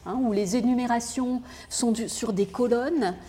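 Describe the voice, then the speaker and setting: A woman's voice: a little high, normal speed, dark tone, husky. A woman interviewing a poet in a literary talk, speaking thoughtfully with frequent hesitations and fillers.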